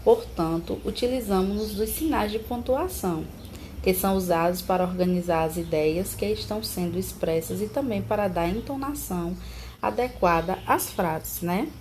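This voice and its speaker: A woman from Brazil gives a recorded lesson, explaining step by step and repeating her examples. Her voice is mellow and soft-edged, with a faint hiss of noise underneath. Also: medium pitch. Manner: explains slowly, repeating examples with tag questions. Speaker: teacher. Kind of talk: recorded online class.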